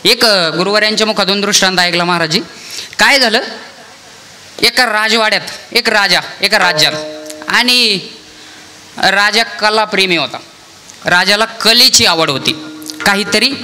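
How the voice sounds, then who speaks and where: A man's voice: high-pitched, sharp tone. A young man preaching a devotional sermon, telling a parable and acting out the lines of each person in the story, with calls to the deity between passages. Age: young adult. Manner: tells a parable and acts out each speaker's lines. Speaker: kirtan preacher.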